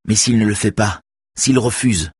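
A man's voice: on the low side, normal speed, a little mellow, breathy edge, no echo, pitched above the performer's own voice. A man voicing an indignant female police officer who argues heatedly. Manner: heated, pressing.

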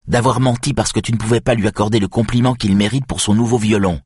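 A man reading an audiobook, voicing a sharp-tongued, impatient middle-aged wife with a strident, insistent voice. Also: fairly low pitch, steady tone, fast talker, slightly rough, no echo, clean studio sound, pitched above the performer's own voice. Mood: shrill, scolding.

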